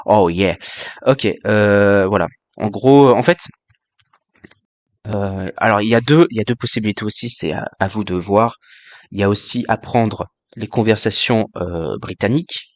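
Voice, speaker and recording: A man's voice: fairly low pitch, normal speed, dry recording. A man streamer talking casually and hesitantly to his viewers, with many fillers and restarts, in a friendly, joking way. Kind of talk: casual live-stream talk.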